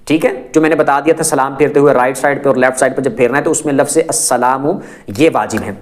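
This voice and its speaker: A man's voice: mid-range voice, steady tone. A man giving a methodical religious lesson, explaining step by step and often checking in with his listeners. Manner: methodical, repeats points with frequent check-ins. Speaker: religious teacher.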